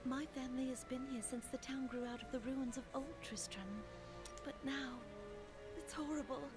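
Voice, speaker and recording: A grieving, embittered townswoman from a fantasy game, voiced by an actress. Her voice is high, over clearly audible music. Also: fairly even intonation, normal speed, lightly acted. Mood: bitter grief. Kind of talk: video game character acting.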